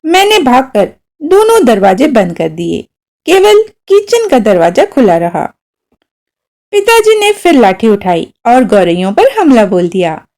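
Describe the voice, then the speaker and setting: A woman reading a short story aloud as narrator, with expressive storytelling. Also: on the high side, a little slow.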